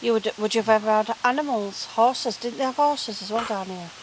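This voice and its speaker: Out at a woodland waterfall, a woman investigating the paranormal questions spirits with chatty curiosity, her fairly high voice moving a little fast. The recording is rough and hissy from being outdoors.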